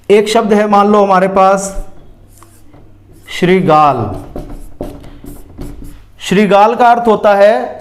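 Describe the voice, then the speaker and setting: A man with an Indian accent and a rather high voice teaches a grammar lesson. He talks slowly and patiently, breaking each word into its sounds one at a time, like a teacher at a whiteboard. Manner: slow, patient, spells words out piece by piece.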